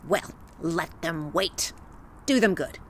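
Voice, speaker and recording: A woman voicing a fearsome old forest witch in a storybook reading, speaking in a gruff, mocking, menacing voice. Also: lowish voice, slow pace, a little hiss or hum, pitched below the performer's own voice.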